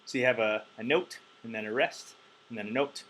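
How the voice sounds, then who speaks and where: A male drum instructor, jittery from caffeine, talks through a lesson in a relaxed, chatty way, counting beats and saying um often. His mid-range voice is fairly quick and a bit bright, and the recording quality is low.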